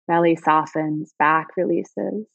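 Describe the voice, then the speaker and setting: A woman leading a guided body-scan meditation in slow, soft, soothing phrases. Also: low voice, fairly even intonation, creaky, no echo, dull audio.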